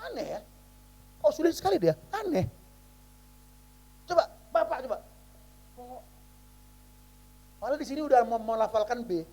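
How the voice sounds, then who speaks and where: A middle-aged pastor telling stories in a sermon and acting out both sides of a dialogue. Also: male voice, very high-pitched, big pitch swings, moderate pace, pauses often, mellow, in a large hall. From Indonesia.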